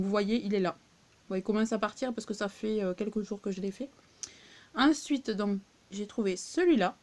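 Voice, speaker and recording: A woman's voice: mid-range voice, darkish tone. A woman with a southern French accent chatting casually to viewers as she shows off her cheap finds, with many fillers. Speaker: vlogger showing a discount-store haul. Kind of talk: casual chatty haul video.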